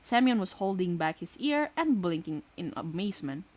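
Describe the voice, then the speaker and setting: A woman's voice: fairly low pitch, normal speed. A woman with an Indonesian accent, reading a visual novel aloud on a stream and reacting expressively. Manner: expressive, breaks off into sweary reactions.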